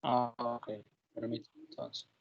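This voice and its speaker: A math teacher dictating formulas slowly on a video call, the audio choppy and glitching as it breaks up. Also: medium pitch, monotone, gravelly, lo-fi sound. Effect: choppy, glitchy dropping-out audio. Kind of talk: online class on a video call.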